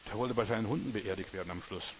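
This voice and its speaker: Preaching in a folksy style, a fast-talking man with a fairly low voice keeps turning to the listener with "weißt du" and "verstehst du," meaning "you know?" and "understand?". A little hiss or hum can be heard.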